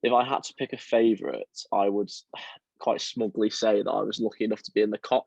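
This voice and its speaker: A young man from around Liverpool, chatting as a football writer guest in a relaxed, self-deprecating way with lots of fillers. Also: on the low side, brisk, vocal fry, husky, no echo, highs cut off. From England, around Liverpool. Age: young adult. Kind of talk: casual interview chat.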